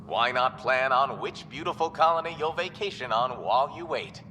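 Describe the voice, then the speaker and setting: A man voicing a calm, informative male announcement system heard over a space station's public address speakers in a video game. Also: mid-range voice, moderate pace, long reverb tail, a little hiss or hum. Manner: even, formal announcer delivery.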